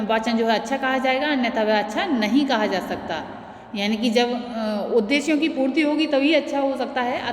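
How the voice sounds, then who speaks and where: Woman teacher lecturing in an echoey room. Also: fairly high pitch. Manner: explains slowly, stressing example words. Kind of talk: classroom lecture. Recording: echoey room with long reverb.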